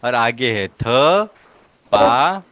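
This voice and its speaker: A man teaching a one-on-one reading lesson, patiently explaining letter by letter and repeating each word slowly. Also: mid-range voice, lively intonation, a bit bright, dry recording. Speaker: language teacher.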